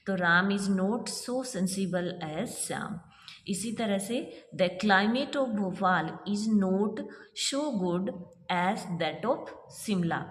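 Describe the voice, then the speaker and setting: A woman teaching English grammar, explaining step by step and asking rhetorical questions, then reading example sentences out slowly. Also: medium pitch, long reverb tail, slight background noise. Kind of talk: classroom grammar lesson explained in Hindi.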